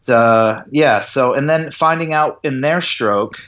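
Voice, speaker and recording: A man's voice: medium pitch, slow pace, a bit bright. A man talks through how he coaches golfers, laying out his points in a patient, explanatory way and stopping often to check that the listener is following. His voice sits in an ordinary middle range. The audio is dull and lo-fi. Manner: explanatory, checks in with "does that make sense". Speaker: golf putting instructor. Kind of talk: interview conversation.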